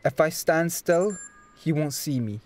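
A man's voice: on the high side, animated, measured pace. A man giving casual, playful gameplay commentary, with exclamations and swearing. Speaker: gamer. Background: game music.

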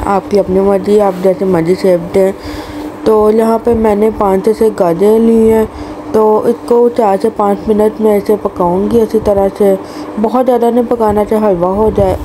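A woman, hosting a cooking channel and talking through a recipe step by step, with small restarts. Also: mid-range voice. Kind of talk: recipe voice-over narration. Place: home kitchen. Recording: noisy home recording.

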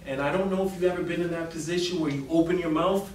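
A man giving a storytelling speech to an audience, animated and dramatic, with emphatic rises. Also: a little high, quick pace. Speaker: public speaker. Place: meeting room before an audience. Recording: roomy hall sound from a distant mic with faint noise.

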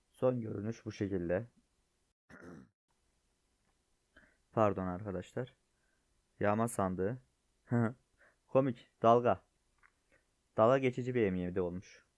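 A man's voice: fairly low pitch, a little mellow, dry recording. A man who is sick and strained, chatting casually to viewers while showing off game items. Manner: chatty, addresses viewers as friends. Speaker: gaming YouTuber. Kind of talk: casual gameplay commentary. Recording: dull, lo-fi dry sound.

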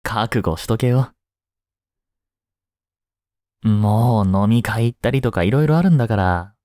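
Lightly acting, a voice drama performer takes the role of a gentle, laid-back teacher, slowly reassuring and encouraging one student in Japanese, addressed intimately to the listener. His voice sits on the low side, mellow and casual, with long pauses. It's recorded close-up and dry.

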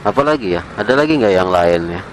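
A man chatting casually while riding a motorcycle, with relaxed slang and small chuckles, recorded on a helmet camera. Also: on the low side, quick pace, rough recording. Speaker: motovlogger. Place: on a motorcycle in night city traffic. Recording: faint traffic noise outdoors.

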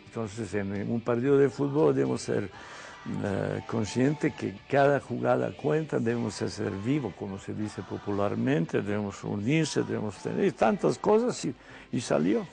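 A man who played on the national team, recounting his memories as a guest on a TV talk show in a measured, step-by-step way. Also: medium pitch, lively intonation, vocal fry, darkish tone, faint music behind.

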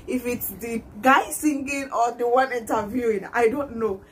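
A woman's voice: fairly high pitch, moderate pace. A young woman, chatting casually and laughing often as she hosts a reaction vlog from a small indoor room. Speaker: YouTube reaction vlogger. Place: small indoor room, patterned wall backdrop.

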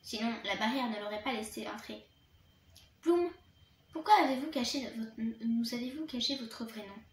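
A woman playing a warm-hearted headmistress from a storybook, calm and gentle in her judgment. Her high voice carries through a roomy space. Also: moderate pace, close to an everyday voice. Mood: kind. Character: kind gentle female school headmistress.

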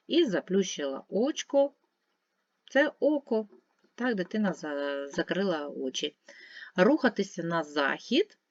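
A woman's voice: fairly low pitch, no room sound. A woman teacher giving a recorded lesson to young children, carefully repeating each word with its stress shifted. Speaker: primary school teacher. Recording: dull lo-fi sound.

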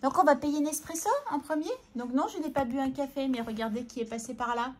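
A woman vlogging casually as she sorts her budget, chatting to herself and counting out loud. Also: sits high, fairly even intonation, a little fast. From France. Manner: talks to herself, scolds herself by name, counts aloud. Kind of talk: casual chatty talk to camera while counting money.

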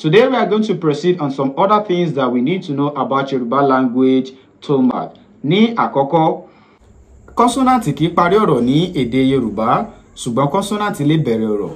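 A young man with a Nigerian Yoruba accent, a native Yoruba speaker, giving a deliberate, explanatory language lesson as an instructor. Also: a little high, very animated. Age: young adult. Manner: deliberate, explanatory, repeats each point. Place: small indoor room, seated.

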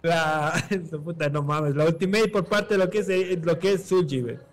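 High-voiced man reading chat. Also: normal speed. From Bolivia. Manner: reads chat comments, laughs often. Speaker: esports caster. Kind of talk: casual esports commentary.

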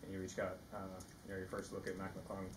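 A man's voice: low voice, monotone, quick pace. A man, a reporter, asking long, winding questions at a press conference. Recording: echoey room, far from the mic, loud noise.

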